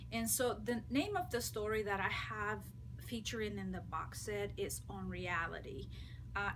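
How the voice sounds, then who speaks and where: A woman in her thirties from Honduras, a native Spanish speaker with a Honduran Spanish accent, talking to camera as an author in a friendly, unhurried way with many ums and uhs. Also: medium pitch, noisy background. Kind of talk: casual talk to camera.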